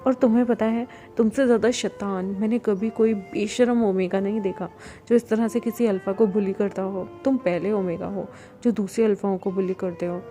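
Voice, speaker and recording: A woman voicing a playful young man who teases and scolds gently. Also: medium pitch, steady tone, moderate pace, faint music behind, natural voice. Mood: chiding.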